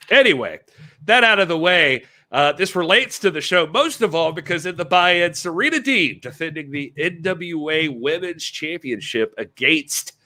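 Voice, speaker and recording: A man's voice: mid-range voice, pushed and bright. A man co-hosting a wrestling talk podcast, chatting casually, joking and reading viewer messages aloud. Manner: joking, conversational, reads chat messages aloud. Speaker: podcast co-host. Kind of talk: casual chat.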